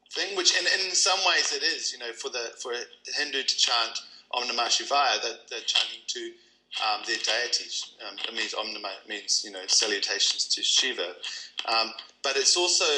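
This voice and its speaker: A man's voice: mid-range voice, sharp tone, rough recording. A man from New Zealand with a New Zealand accent, answering interview questions thoughtfully, with many ums and restarts. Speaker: kirtan teacher.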